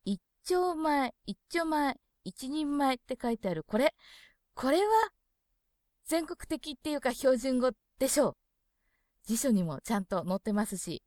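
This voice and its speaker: A woman from presents a dialect lesson. She reads dictionary entries aloud clearly, then adds soft, chatty asides. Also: sits high, lively intonation, unhurried, no room sound, studio quality.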